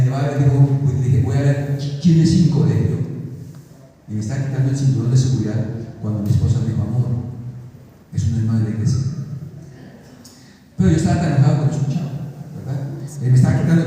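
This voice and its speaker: A male pastor, preaching a sermon and telling a personal story in an animated way, acting out the dialogue. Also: mid-range voice, a little hiss or hum. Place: church hall. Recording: echoey hall, distant mic.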